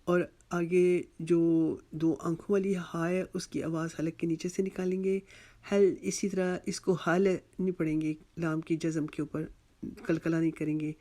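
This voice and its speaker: Slow patient tajweed teacher. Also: warm tone. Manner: slow, patient, repeats each word and drills pronunciation; chants the verse words drawn out and higher. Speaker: Quran recitation teacher. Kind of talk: tajweed lesson, slow recitation and explanation.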